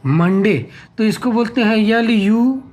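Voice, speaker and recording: An Indian man teaching a beginners' French lesson, repeating words one at a time in a slow, halting classroom delivery. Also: sits high, a little mellow.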